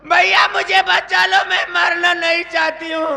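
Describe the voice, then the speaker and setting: A man's voice: very high-pitched, little pitch movement, measured pace, creaky, long reverb tail, heavily acted. A man playing a desperate, wronged sister who pleads her innocence in wailing, declamatory folk-stage melodrama. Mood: desperate pleading. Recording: loud music and tabla behind. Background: loud folk instruments with tabla.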